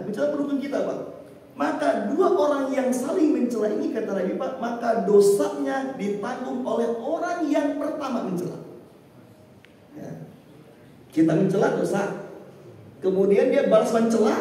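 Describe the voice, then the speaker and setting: A male preacher with a high, mellow voice gives an evening lecture in a mosque, reciting Arabic verses between his explanations. He is picked up from a distance, and his voice rings through a large, very echoey hall with a long reverb tail. Faint background noise sits under the recording. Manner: addresses listeners as "Pak" constantly, recites Arabic verses. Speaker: Islamic preacher.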